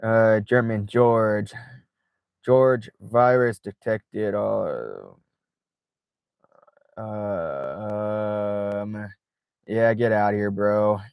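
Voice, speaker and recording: A man's voice: lowish voice, fairly even intonation, very slow, creaky, pauses often, darkish tone, smooth, dry recording. A man hosting a casual late-night livestream from inside his car, reading viewer chat aloud, swearing freely and laughing often. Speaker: livestream host.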